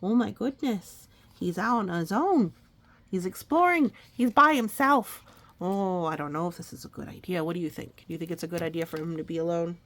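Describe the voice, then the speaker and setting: On a phone recording, a mother reads a picture book aloud and talks it over with her small child, asking questions and echoing back the child's own. Her voice is on the low side and a little fast.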